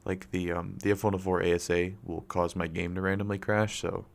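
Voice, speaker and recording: A young man streaming from home with a raspy morning voice, rambling casually with lots of fillers and swearing, close to a desk mic. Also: deep voice, level tone, a little fast. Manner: rambling, loose, swears often, frequent fillers and coughs. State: raspy morning voice, just woke up. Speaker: gaming streamer. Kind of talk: casual live-stream chat. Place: home room, talking quietly since family is asleep. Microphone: desk microphone, close up.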